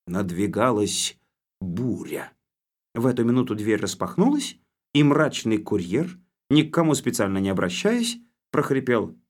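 A man reading an audiobook aloud with lively, expressive storytelling. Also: on the low side. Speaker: audiobook narrator.

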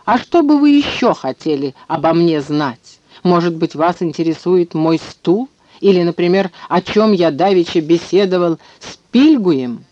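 A man's voice: sits high, expressive, unhurried, a little mellow, no echo. A man voicing an irate elderly male scientist who rants sarcastically, on a dull lo-fi recording. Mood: venomous. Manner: ranting, venomous.

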